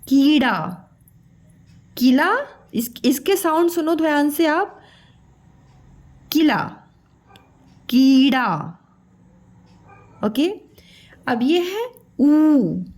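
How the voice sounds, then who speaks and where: A woman teaching young children to read, stretching syllables slowly and calling the listener "beta". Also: sits high, darkish tone. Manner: slow, drawn-out syllables for children. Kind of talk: children's Hindi lesson.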